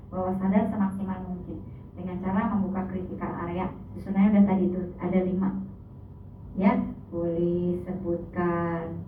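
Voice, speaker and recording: A woman giving a casual hypnotherapy lecture, chatty and animated, sometimes acting out soothing instructions to a patient. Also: mid-range voice, a little hiss or hum. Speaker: hypnotherapy trainer. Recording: echoey room, far mic, tinny lo-fi sound.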